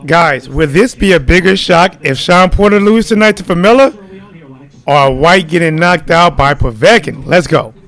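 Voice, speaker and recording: A man's voice: on the high side, lively intonation, moderate pace, a bit bright. A man giving informal live play-by-play of a boxing match, chatting to viewers as he goes. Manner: informal, addressing viewers as guys. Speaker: fight watch-along commentator. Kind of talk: casual live play-by-play commentary.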